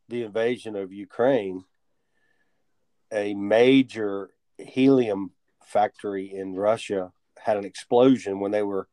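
A man co-hosting a podcast in casual chat, easygoing and quick to laugh, rambling through his thoughts. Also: fairly low pitch, mellow, no echo. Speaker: podcast co-host.

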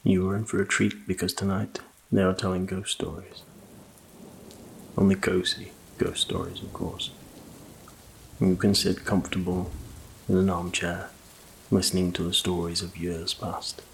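Male sleep story narrator: deep and flat-toned, hushed, unhurried, calming, rain in the background. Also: creaky, poor audio. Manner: slow, calm, hushed, relaxing delivery. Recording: faint noise under rain ambience. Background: rain ambience.

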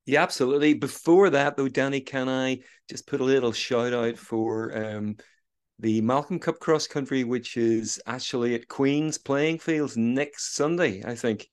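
A man's voice: mid-range voice, a little slow, clear, resonant tone. A man hosting a casual podcast, easygoing and hesitant, with many fillers. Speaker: podcast host.

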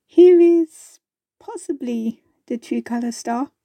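A small, thoughtful bumble wasp, put on by a woman reading a storybook, slow and hesitant, her voice lifted a little higher than the narration. She muses aloud and stammers now and then, in a mellow, dry close-up sound. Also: dry recording. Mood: dreamy. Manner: hesitant, dreamy, stammering at times.

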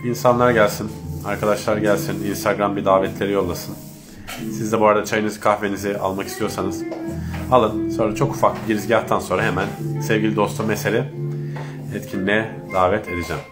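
A man's voice: fairly low pitch, little pitch movement, a little fast, loud music behind the voice. A man with a congested, stuffy nose from allergies, speaking as he politely hosts a casual live-stream chat. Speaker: host of an online live chat.

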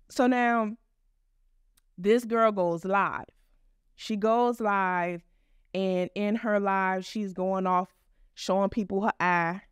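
Woman host, blunt and profane storyteller, smooth tone, mid pitch. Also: no room sound, clean studio sound. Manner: blunt, profane, animated retelling. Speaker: podcast host. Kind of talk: casual storytelling.

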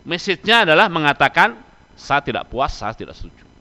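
Animated preacher man in a reverberant hall. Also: on the high side, brisk. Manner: animated, rhetorical questions to the audience. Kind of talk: sermon.

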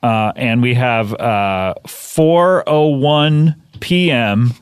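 A man's voice: mid-range voice, very slow, smooth, no echo, clean studio sound. A man hosting a comedy podcast, reading aloud and often laughing as he banters. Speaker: host.

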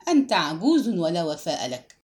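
Blunt old aunt, voiced by a woman narrator, sharp and irritable. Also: fairly low pitch, animated, fairly quick, lightly acted.

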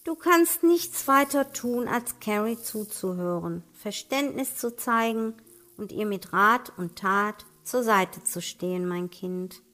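A woman reading an audiobook, voicing a patient, gentle mother who talks softly and calmly to her daughter. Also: mid-range voice, slow pace, faint music behind. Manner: soft and calm.

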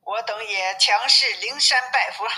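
A woman's voice: a little high, measured pace, pushed and bright, poor audio. A woman reading the lines of a compassionate male monk master in a storybook, earnest and pleading.

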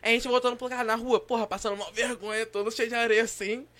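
A young man from Brazil, telling a funny story in an animated, slangy way on a podcast with friends. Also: very high voice, fast. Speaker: podcast co-host. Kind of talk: casual storytelling among friends.

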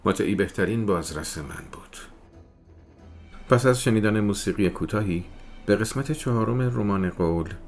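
A man reading a crime novel aloud as an audiobook narrator, in a measured storytelling delivery. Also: fairly low pitch, soft background music.

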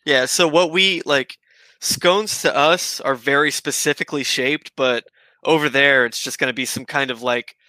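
A man's voice: medium pitch, steady tone, moderate pace, pushed and bright, no echo. A man co-hosting a casual podcast chat, joking and rambling. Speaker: podcast co-host.

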